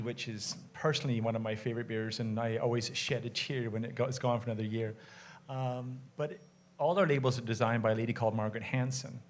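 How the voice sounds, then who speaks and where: Speaking into a microphone at a panel in an event room full of brewers, a man who co-owns a brewery answers emphatically and passionately, quoting conversations as he goes. His voice is mid-range, with a little hiss or hum on the recording.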